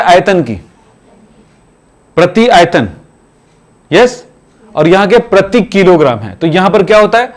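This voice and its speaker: A man teaching chemistry in a classroom, urging students to study every day in a repetitive, exhorting way. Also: high voice. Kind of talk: classroom lecture.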